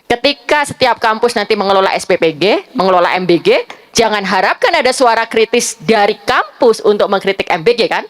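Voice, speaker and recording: A young woman speaking as a panelist at a public forum, making her case in a measured, argumentative way and building her points one by one. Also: fairly high pitch. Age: young adult. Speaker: panelist, civic activist.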